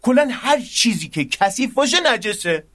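A man playing a high-voiced joking young student. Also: very animated, fairly bright tone. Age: young adult. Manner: playful, teasing, quick to argue. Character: joking, muddled young male university dorm student. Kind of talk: radio drama acting.

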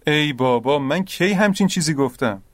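A man's voice: on the high side, animated, no room sound, natural voice. A man playing a patient, earnest young roommate. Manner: patient, explanatory, gently exasperated. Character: patient, earnest young male roommate explaining religious rules. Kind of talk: radio drama acting.

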